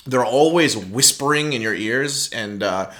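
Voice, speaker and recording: A man's voice: mid-range voice, lively intonation, measured pace, fairly bright tone. A man in casual gaming chat, talking enthusiastically and rambling with restarts.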